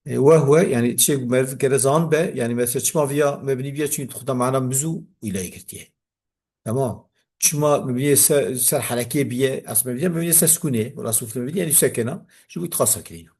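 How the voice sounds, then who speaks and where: Fast-talking Kurdish man teaching a text. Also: medium pitch, mellow, husky. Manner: reads text aloud then explains, checks understanding. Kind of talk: classical text lesson.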